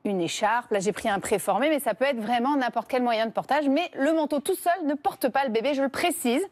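A woman's voice: a little high, a little mellow, no echo. A woman demonstrating babywearing coats on a TV set, chatty and playful. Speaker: babywearing expert presenting products. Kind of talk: TV product demonstration. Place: TV studio set.

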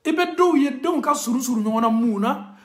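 A man's voice: very high voice, expressive, brisk, roomy sound. A male imam giving an emphatic sermon that switches between French and Bambara.

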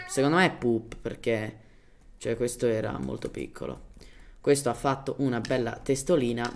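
A gaming tutorial host from Germany, whose first language is German, comments casually on a game in a mid-range male voice. There's a little hiss or hum on the audio. His manner is informal as he hunts for Italian words and throws in English ones.

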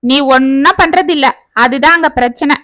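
A woman's voice: sits high, normal speed, no echo. A woman reading a family story, voicing a bold young village woman who scolds and teases her cousin. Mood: scolding. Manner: sharp, scolding, mocking.

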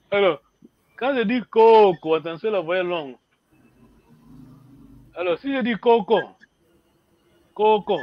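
High-voiced hesitant male teacher. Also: animated, a little slow, long pauses, muffled recording. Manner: hesitant, repeats words, chuckles often. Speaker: language teacher. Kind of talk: classroom explanation.

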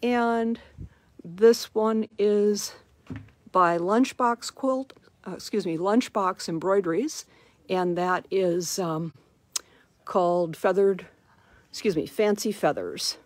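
A woman's voice: mid-range voice, a little mellow, dry recording. A woman giving a chatty walking tour of a large quilt shop, recorded on a handheld phone. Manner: slow, chatty, promotional.

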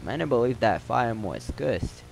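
A man's voice: deep voice, animated, moderate pace, vocal fry, rough recording. A man voicing a gossipy male motel worker in a put-on accent, telling rambling, joking stories. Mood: spinning tales. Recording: loud game noise behind.

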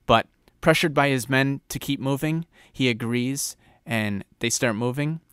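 A man's voice: mid-range voice, measured pace, a bit bright, clear, resonant tone, dry recording, studio quality. A man hosting a history channel, narrating a battle in a casual, conversational storytelling way.

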